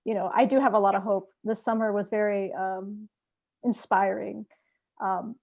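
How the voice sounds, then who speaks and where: A woman's voice: mid-range voice, steady tone, moderate pace, gravelly, a little mellow. A woman speaking steadily in a casual discussion, stringing points together with fillers. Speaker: participant in an activist forum. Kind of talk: casual discussion on a video call. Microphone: video call. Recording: dull lo-fi video call audio.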